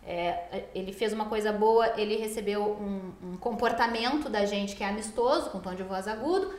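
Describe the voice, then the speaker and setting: A woman's voice: mid-range voice, normal speed, darkish tone. A woman dog trainer explaining behaviour in a podcast, teaching patiently and ending points with tag questions. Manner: didactic, frequent tag questions. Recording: roomy echoey studio room.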